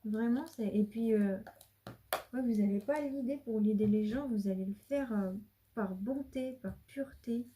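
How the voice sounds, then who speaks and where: Woman, casual tarot reading, mellow tone, breathy, rambling restarts, dips into whispers. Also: mid-range voice, normal speed. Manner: chatty and rambling, with many restarts; drops to a whisper at times. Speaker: card reader.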